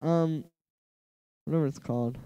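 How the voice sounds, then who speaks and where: While working on a music track during a live stream, a young man with a nasal voice chats casually and rambles, saying "like" a lot. His voice is a little high and mellow at a moderate pace, and the lo-fi recording has slight background noise plus faint music from the track he's producing.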